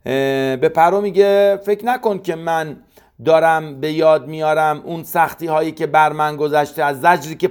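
A man giving a verse-by-verse Torah commentary lesson, reading Hebrew lines and explaining them slowly. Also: fairly high pitch. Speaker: Torah teacher.

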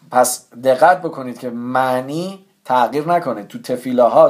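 A man with a slightly high voice gives a religious lesson. He explains things patiently and step by step, and he keeps coming back to how each prayer word should be pronounced. His tone is earnest and instructive. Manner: careful, explanatory, stresses correct pronunciation.

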